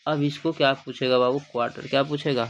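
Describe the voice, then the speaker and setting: A man's voice: mid-range voice, steady tone, fast talker, slight background noise. A male math teacher. He gives a livestream classroom lesson in call-and-response style, asking questions, repeating the answers and calling his students "babu".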